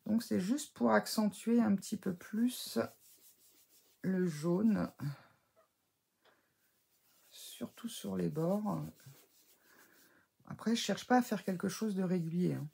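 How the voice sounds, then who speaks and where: She speaks slowly at a medium pitch, her voice creaky, dark and slightly rough, with long pauses. As a scrapbooker chatting through a relaxed craft tutorial, she works with her hands, hesitates and fills gaps with fillers. Self-correction and self-mockery come up often.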